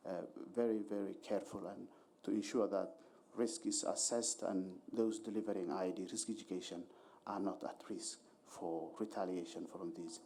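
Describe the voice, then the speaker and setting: A man from Somalia speaking from the conference floor, polite and deliberate, with frequent hesitant pauses. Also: deep voice, fairly even intonation, creaky, mellow, slight background noise. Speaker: audience member asking questions.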